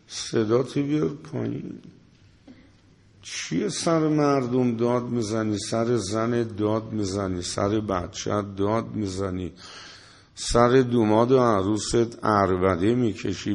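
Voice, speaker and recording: Scolding male preacher in a reverberant hall. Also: medium pitch. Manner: scolding, rhetorical questions, quotes Arabic verses. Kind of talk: sermon.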